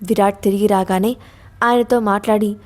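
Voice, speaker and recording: A woman plays a nervous young friend in a storybook audio drama, pleading and coaxing in a soft, urgent way. The pitch is plain middle. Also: fairly even intonation, moderate pace, a little hiss or hum, close to an everyday voice. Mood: anxious. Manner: pleading, soothing.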